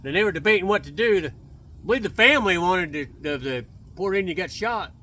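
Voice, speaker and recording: A man's voice: high voice, lively intonation, quick pace, sharp tone, a little hiss or hum. A man telling a tale fireside style, in casual, folksy, unscripted speech with a partner. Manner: fireside storytelling, folksy and colloquial. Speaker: storyteller.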